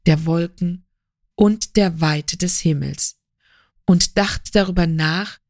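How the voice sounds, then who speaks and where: A woman narrating a literary story as an audiobook in a calm, measured way. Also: fairly low pitch, no room sound, studio quality.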